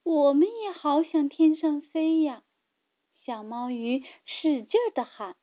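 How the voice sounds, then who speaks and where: A woman narrating a children's story in a gentle, sing-song way. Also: high-pitched, a little slow. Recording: tinny phone-like sound.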